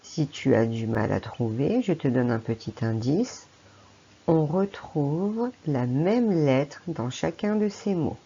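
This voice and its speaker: A woman's voice: low voice, animated, slow, creaky, dark tone, breathy edge, highs cut off. A French woman teacher giving a patient phonics lesson to a young child, speaking to the child directly. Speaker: primary school teacher.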